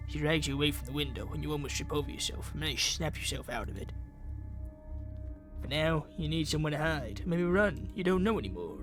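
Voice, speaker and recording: In an ASMR-flavored visual novel reading, a gamer performs the text dramatically and slips in casual side comments. His voice is slightly high and a little bright.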